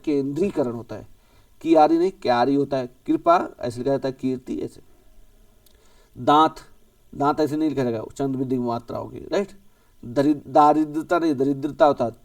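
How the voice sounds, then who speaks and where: Man, teacher, exam-prep spelling drill, word-by-word corrections, slightly high voice, dry room, off-mic. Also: a little mellow, no echo, distant mic. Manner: drills words aloud, repeating corrections.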